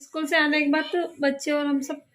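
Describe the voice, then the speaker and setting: A woman and mother chatting casually in a home vlog, talking to the camera and gently scolding her children indoors. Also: sits high, little pitch movement, a little fast, faint music behind. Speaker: family vlogger and mother.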